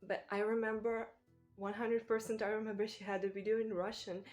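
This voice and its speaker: A woman from Ukraine with a Ukrainian accent, a native Ukrainian speaker, talking casually to camera as a booktuber in a thoughtful, halting way. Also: mid-range voice, level tone, faint music behind. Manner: thoughtful, halting, with small restarts and soft laughs. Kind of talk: casual vlog talk to camera.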